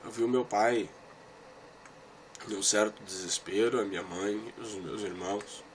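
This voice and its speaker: A man's voice: on the low side, steady tone, a little slow, a little hiss or hum. A man giving a personal religious testimony about a vision. He speaks earnestly and emotionally to one listener and repeats his phrases. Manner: talks straight to one listener.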